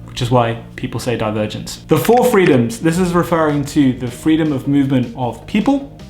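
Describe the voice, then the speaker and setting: A man hosting a vocabulary lesson, explaining terms clearly with light jokes. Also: medium pitch, animated, moderate pace, a little mellow. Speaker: vocabulary teacher, channel host. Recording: echoey room with faint music.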